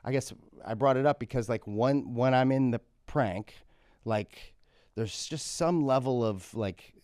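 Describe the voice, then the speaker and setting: Lively storytelling man, dry sound. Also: mid-range voice, measured pace, clean tone, no echo. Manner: animated storyteller with many restarts and fillers. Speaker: podcast guest, magician. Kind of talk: casual conversation.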